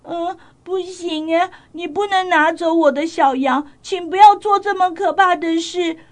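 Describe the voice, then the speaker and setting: A woman's voice: very high voice, measured pace, voice pushed up. A woman voicing a sweet, polite little girl in a children's storybook tale, speaking politely and pleading. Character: sweet, polite little girl who loves her lamb.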